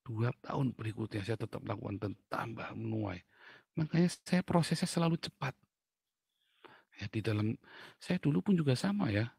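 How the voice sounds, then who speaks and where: A man preaching, his voice gravelly and a little husky. He tells personal stories in an animated way and laughs often at them. The recording is dry and close. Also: mid-range voice, moderate pace, long pauses, dry recording. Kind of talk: sermon with personal anecdotes.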